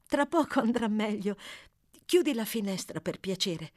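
A woman voicing a gentle, frightened young woman in a storybook reading, her voice raised and trembling. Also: medium pitch, animated, moderate pace, dry recording, clean studio sound, pitched above the performer's own voice, close to an everyday voice. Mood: tearful.

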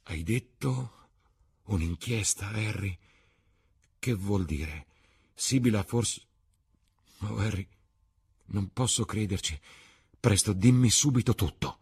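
A man's voice: mid-range voice, animated, normal speed, husky, no echo, clean studio sound, pitched above the performer's own voice. A man voicing a passionate, anguished young male aristocrat in an audiobook reading. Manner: emotional, rises to cries.

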